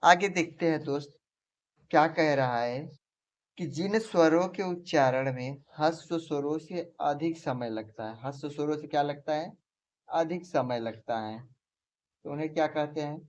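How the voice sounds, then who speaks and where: A man with a fairly high voice teaches an exam-prep lesson at a moderate pace, posing questions and answering them himself while repeatedly calling the viewer his friend. The recording sounds dull and lo-fi.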